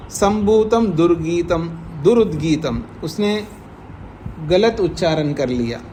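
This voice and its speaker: A man with a fairly high voice gives a slow, patient scripture lesson. He restates each point several times and pauses so students can write. A faint hiss sits under the recording. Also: darkish tone. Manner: slow, explanatory, repeats phrases for dictation. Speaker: Vedic philosophy teacher. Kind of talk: classroom lecture on scripture.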